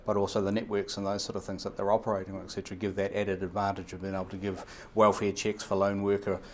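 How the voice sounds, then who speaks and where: Low-pitched and showing little pitch movement, this New Zealander in his fifties supplies radio equipment and is interviewed in an indoor showroom on a lapel mic. Slight background noise is present, and his replies are fast, long, and run-on, with frequent fillers and restarts.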